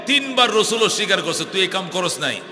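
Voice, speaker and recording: Preacher guy, bright piercing voice, sing-song storytelling, big echoey hall. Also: sing-song, fairly quick. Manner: dramatic storytelling, acting out quoted speakers with pitch swings, sometimes chanting. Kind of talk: Bengali waz sermon storytelling.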